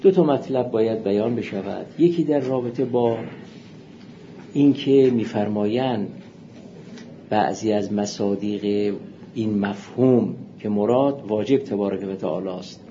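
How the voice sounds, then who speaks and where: A man giving a seminary philosophy lecture, explaining texts in a measured way and reading out quotations. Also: lowish voice, warm tone. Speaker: philosophy teacher. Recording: muffled lo-fi recording with faint hiss.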